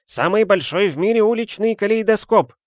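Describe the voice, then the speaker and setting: A man voicing a moustached male exhibitor in a work coat, wailing in a shrill voice. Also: fairly quick, dry recording, studio quality, lightly acted. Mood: despairing.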